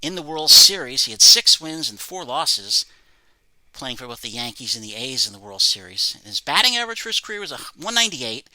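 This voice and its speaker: Guy going over his autograph collection, very bright voice, dry close sound, matter-of-fact. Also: medium pitch, big pitch swings, brisk, no echo, low-quality recording. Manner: reads facts in a plain, matter-of-fact way. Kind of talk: casual show-and-tell narration.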